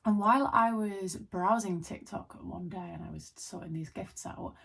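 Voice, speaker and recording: A woman's voice: medium pitch, moderate pace, creaky, fairly bright tone, slightly rough. A hungover woman content creator chatting casually to camera, telling a personal story in an informal, rambling, self-deprecating way.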